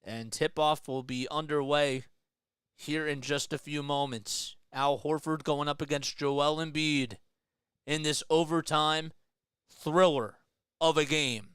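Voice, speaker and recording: Excitable male fan calling a game. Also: on the high side, slow, clean tone, no room sound, studio quality. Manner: excitable, yells at big plays, drops to a hushed mutter between plays. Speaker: fan play-by-play streamer. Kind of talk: live fan play-by-play commentary.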